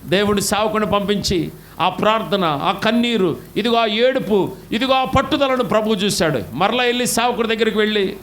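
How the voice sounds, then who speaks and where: A middle-aged pastor from India preaching a sermon with passion, his voice swinging from loud highs to low drops. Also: moderate pace.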